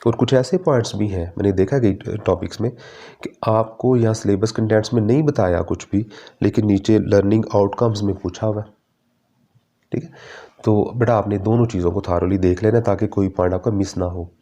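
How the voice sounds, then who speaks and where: Low mellow guy, fatherly chem teacher going through the syllabus, reads english bits slow. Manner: fatherly, calls students "beta", mixes English terms; slows to read English syllabus lines. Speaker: chemistry teacher. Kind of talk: exam-prep syllabus lecture.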